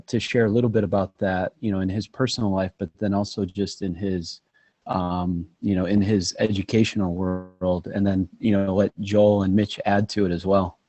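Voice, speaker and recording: A man moderating a webinar in a lowish, dark, mellow voice. He stumbles through fillers and false starts while handing the floor to others. The sound is dry and close. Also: no echo. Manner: hesitant, full of fillers.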